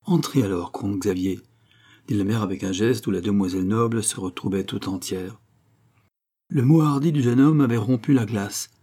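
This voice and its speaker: A man narrates a classic novel with steady, literary pacing. His voice sits low and sounds dark and mellow, with a husky edge. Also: moderate pace. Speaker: audiobook narrator. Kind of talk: scripted narration.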